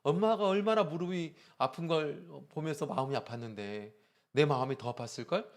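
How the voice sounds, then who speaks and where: A man voicing a tender mother, soft, low, explaining gently. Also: a little fast, close to an everyday voice. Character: gentle mother confessing quiet care.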